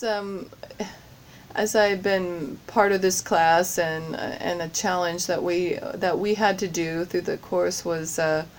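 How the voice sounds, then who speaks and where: Over slight background noise, a woman with a lowish, creaky voice answers interview questions about her job. She's a native English speaker, a course participant and general manager, who hesitates, uses lots of fillers, and restarts often.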